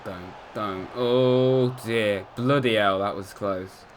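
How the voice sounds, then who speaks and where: A young English man giving casual commentary over a football video game, chatty, muttering asides and cheering loudly at goals. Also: on the low side, slow, a little hiss or hum. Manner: chatty, swings between mumbled asides and excited shouts at goals. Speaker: gaming youtuber. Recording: light music behind.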